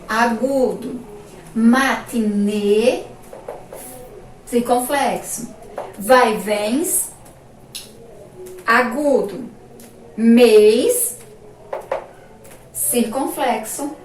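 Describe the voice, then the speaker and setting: A Brazilian woman teacher giving a remote lesson to young children, drawing out each word slowly as she pronounces it. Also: on the high side, a little hiss or hum. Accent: Brazilian Portuguese. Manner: slow, drawn-out pronunciation of words for children. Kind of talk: remote primary-school lesson. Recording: echoey room, voice from a distance.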